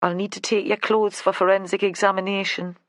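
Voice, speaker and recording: A reader voicing a blunt middle-aged female detective, gruff and matter-of-fact, with dry humour. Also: medium pitch, little pitch movement, brisk, dry recording, lightly acted. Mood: firm.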